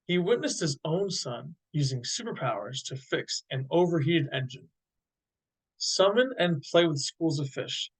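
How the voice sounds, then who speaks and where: Male author reading his book aloud, steady plain storytelling, a bit high. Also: low-quality recording. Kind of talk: audiobook narration.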